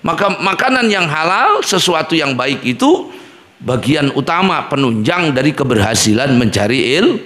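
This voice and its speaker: Man, middle-aged, school head giving students stern, repetitive advice, higher-pitched voice. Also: sing-song, moderate pace, fairly bright tone. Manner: firm, repetitive admonishing with frequent "ya". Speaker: head of an Islamic boarding school.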